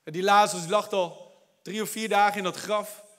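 Male pastor, high bright voice, animated sermon delivery with laughs and shouted climaxes. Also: normal speed. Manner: animated preaching with laughs and English phrases; builds to shouted exhortation.

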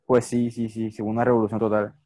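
Coastal co-host, brief remarks. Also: male voice, on the low side, little pitch movement, quick pace, warm tone, dry recording. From Colombia. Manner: brief interjections and opinions. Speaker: podcast co-host. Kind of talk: casual podcast chat.

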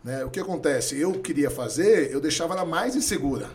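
A Brazilian man in his thirties in casual conversation, telling lively stories about his family. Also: fairly high pitch. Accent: Brazilian Portuguese. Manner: fast, animated storyteller.

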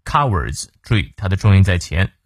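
A man hosting a morning English lesson in a chatty manner, reading phrases slowly and carefully and explaining pronunciation. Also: low-pitched, steady tone, a little mellow, dry recording, clean studio sound. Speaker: English teacher and host.

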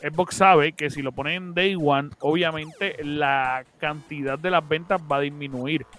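A man's voice: fairly high pitch, steady tone, measured pace, fairly bright tone. A man with a Puerto Rican accent debating casually as a podcast panelist, blunt and argumentative. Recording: music behind the voice.

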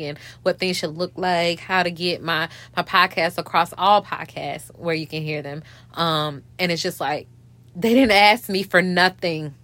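A woman's voice: lowish voice, a bit bright. A woman hosting her own podcast, talking candidly and emotionally in profane street slang, choked up and hiccuping. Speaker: podcast host.

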